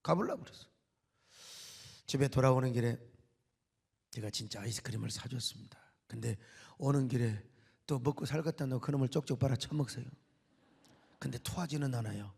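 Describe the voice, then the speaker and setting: Dramatic Korean pastor, gravelly voice. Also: male voice, medium pitch, fairly quick, long pauses. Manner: dramatic, swinging from hushed whispers to shouting. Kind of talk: sermon.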